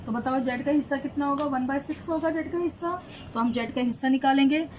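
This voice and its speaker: Her voice high-pitched and fast, a woman explains a solved accounting problem step by step, blending English terms into her Hindi. She keeps asking her students questions, repeating "did you understand?", and the rough recording carries a little hiss or hum.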